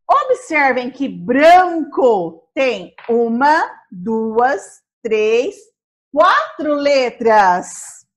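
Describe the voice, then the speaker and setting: A Brazilian woman teaching a primary school class, sounding out words slowly syllable by syllable. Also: high-pitched, big pitch swings. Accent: Brazilian Portuguese. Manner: slow, syllable-by-syllable explaining.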